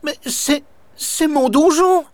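A man's voice: high-pitched, big pitch swings, unhurried, slight background noise, voice pushed up. A man doing a kindly ghost with a raised voice. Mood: dismayed. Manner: comforting, playful. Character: kind friendly ghost, male, playful.

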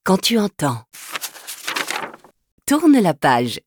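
Woman reading a kids' story, sing-song, slow and bouncy, high-ish voice. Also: wildly swooping pitch, background noise. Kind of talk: children's audiobook narration.

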